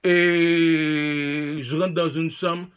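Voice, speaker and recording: A man voicing a boastful male king, lowering his voice and slowing down. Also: little pitch movement, fairly bright tone, clear, resonant tone.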